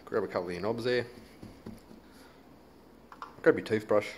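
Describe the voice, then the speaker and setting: This is a hobbyist demonstrator, an Australian man, talking through a hands-on how-to in a laid-back, casual, colloquial way. His voice is on the low side at a moderate pace, recorded on a noisy handheld home video.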